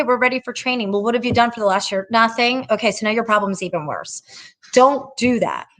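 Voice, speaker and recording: A woman's voice: a little high, a bit bright. Chatty, direct middle-aged woman giving advice. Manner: chatty, direct, anecdotal, emphatic. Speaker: dog trainer hosting a Q&A. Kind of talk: casual advice talk.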